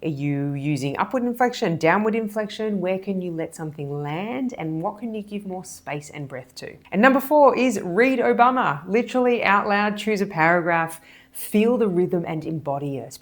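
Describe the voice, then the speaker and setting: A woman hypnotist and body language coach explaining speaking techniques in a measured, deliberate, emphatic way. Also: fairly low pitch, lively intonation. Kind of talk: explanatory video lesson.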